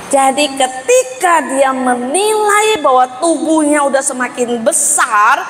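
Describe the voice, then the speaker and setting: Woman giving a parenting seminar, high voice, big echoey hall, lots of back and forth with the crowd. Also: slow pace, soft background music. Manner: animated, quizzes the audience, acts out parents and children. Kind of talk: lively seminar talk to parents. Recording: reverberant hall with faint ambience.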